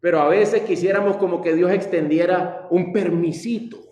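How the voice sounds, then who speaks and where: A middle-aged man, a pastor, giving an animated sermon and acting out short conversations with God and his listeners. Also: sits high, moderate pace. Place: church sanctuary. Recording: echoey church hall from far off.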